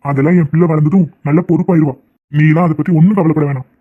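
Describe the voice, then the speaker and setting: A woman's voice: sits low, fairly even intonation, very fast, husky, voice pushed down. A woman voicing a doting middle-aged father who shields his daughter in a cartoon. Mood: indulgent. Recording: thin phone-like sound, off-mic.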